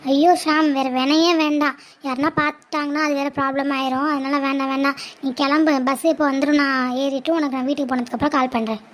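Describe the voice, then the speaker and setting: A worried young woman speaks in a hushed, nervous way, voiced by a woman. Her voice is high. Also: little pitch movement, fast talker, lightly acted. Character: anxious young woman, a girlfriend.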